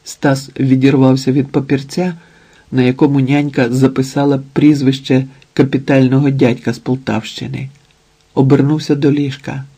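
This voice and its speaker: A man narrating an audiobook novel in a slow, measured reading. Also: medium pitch, little pitch movement, mellow, breathy edge. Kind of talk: scripted narration.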